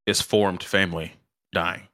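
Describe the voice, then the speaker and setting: A man's voice: low-pitched, fairly even intonation, a little slow, sharp tone, no echo, clean studio sound. A man co-hosting a podcast in casual chat, asking questions and swearing casually. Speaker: podcast co-host.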